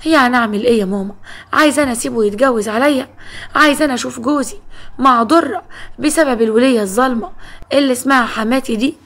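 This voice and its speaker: A woman's voice: a little high, rapid-fire, fairly bright tone. A woman voicing a wronged young wife with an Egyptian accent who pleads and complains. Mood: pleading.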